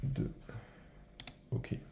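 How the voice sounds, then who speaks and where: A man from France, giving a casual improvised software tutorial and thinking aloud step by step. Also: drawn-out words, reverberant, slight background noise. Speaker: video editing tutorial presenter.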